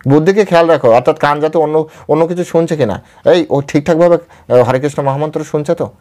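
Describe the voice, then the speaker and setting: A man with a Bengali accent giving a devotional scripture lecture as a preacher. He asks and answers his own questions, repeats key phrases and slows down to quote and chant verses. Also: on the high side, a little mellow.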